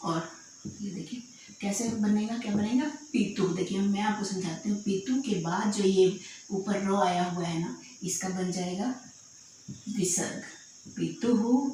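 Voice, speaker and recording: A woman's voice: mid-range voice, unhurried, dark tone. A woman teacher explaining a grammar lesson patiently, often checking that students follow. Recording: very echoey room with faint noise.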